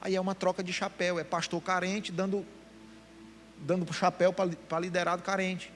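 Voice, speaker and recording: Brazilian pastor, middle-aged man, raised voice, lively sermon, faint music behind. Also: high-pitched, normal speed. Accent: Brazilian Portuguese. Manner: animated preaching, acting out quoted voices. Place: church meeting.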